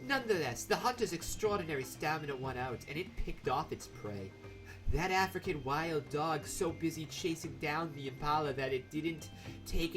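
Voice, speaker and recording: A man voicing a sophisticated American woman photographer with an American accent, reading journal entries from a game in a measured, prim way. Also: a little high, a bit bright.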